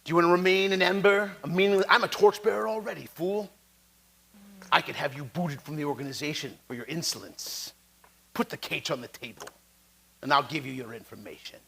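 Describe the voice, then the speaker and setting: A man's voice: a little high, fairly quick, vocal fry, a bit bright, a little hiss or hum, poor audio. A man voicing an arrogant, scheming male halfling informant who talks down to others in a tabletop game. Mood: haughty. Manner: haughty, dismissive, condescending.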